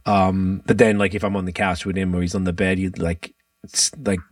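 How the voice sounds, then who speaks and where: A man hosts a loose, casual podcast chat in a lowish voice. His talk is blunt, slangy and full of swearing. He sounds a bit away from the microphone, in a fairly dry space. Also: flat delivery, a little fast, no room sound, distant mic. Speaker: podcast host.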